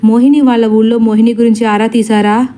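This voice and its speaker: A woman voicing a grave landlord son who gives short, calm orders. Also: a little high, a little fast, natural voice. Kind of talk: storybook acting.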